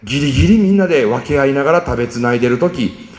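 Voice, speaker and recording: A man's voice: medium pitch, animated, fast talker, close to an everyday voice. A man voicing his elderly mother, a fierce and selfless woman who scolds tearfully in a Kansai accent. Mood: angry scolding. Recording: echoey hall reverb.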